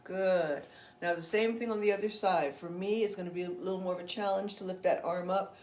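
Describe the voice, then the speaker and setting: Roomy-sounding woman guiding gentle yoga. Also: lowish voice, fairly even intonation, fairly quick, a little hiss or hum. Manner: chatty and encouraging, with laughs between cues. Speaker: yoga instructor. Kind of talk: guided gentle yoga instruction.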